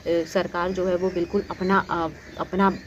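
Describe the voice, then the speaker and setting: A YouTube commentator on exams speaks directly to camera in a fairly low voice with a level tone and a measured pace. Her commentary is earnest and pleading, packed with fillers and restarts. The audio is dull, with slight background noise.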